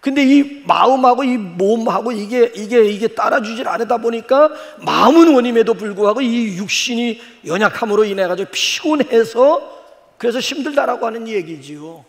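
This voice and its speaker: An older man, a pastor, preaching a sermon with folksy stories and sudden animated exclamations. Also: very high-pitched, normal speed, big-room sound.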